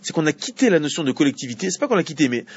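A man teaching an evening Torah class to a small group, animated, with bursts of emphatic preaching. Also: very fast, slightly rough. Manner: animated, rises to emphatic high preaching at key points, interacts with listeners. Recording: dull lo-fi recording with faint background noise.

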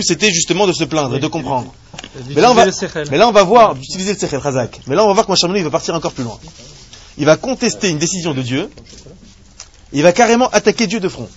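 A man teaching a live Torah class to a small group of students, animated and joking, asking rhetorical questions as he explains a text. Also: high voice.

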